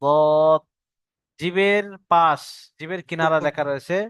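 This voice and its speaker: A man with a Bengali accent teaching Quran pronunciation online, patiently repeating each point slowly for his student. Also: fairly high pitch, a bit bright, no room sound. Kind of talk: online tajweed lesson.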